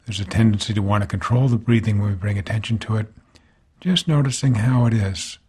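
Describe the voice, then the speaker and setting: A husky-voiced man on the low side narrates a guided body scan meditation as a teacher. He is calm, unhurried, and gently instructive, pausing between phrases.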